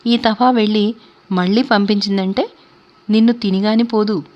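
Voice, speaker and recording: A woman's voice: mid-range voice, steady tone, normal speed, natural voice. A woman voicing a proud, indignant young idealist who speaks bluntly, in a storybook reading. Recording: dull lo-fi recording.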